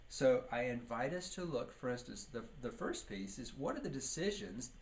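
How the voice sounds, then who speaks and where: A man delivers a leadership training lecture, teaching by posing questions and then answering them while stressing key words. His mid-range voice is very animated and moves at normal speed. The recording is clearly noisy.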